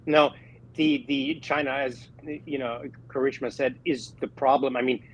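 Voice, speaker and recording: A man arguing his point briskly on an opinion panel, often restarting his phrases. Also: medium pitch, creaky, lo-fi sound, a little hiss or hum. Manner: brisk, argumentative, trailing restarts. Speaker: opinion columnist. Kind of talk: panel discussion.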